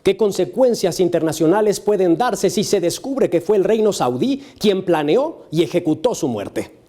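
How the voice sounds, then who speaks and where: Higher-pitched, mellow male news host. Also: animated, moderate pace. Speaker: host of a current affairs panel show. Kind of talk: formal television presenting.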